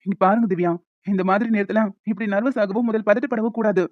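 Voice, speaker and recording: A woman voicing a calm female doctor in a cartoon story, giving steady advice. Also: mid-range voice, fast talker, dry recording, lightly acted. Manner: calm, advising. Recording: dull lo-fi audio with faint music.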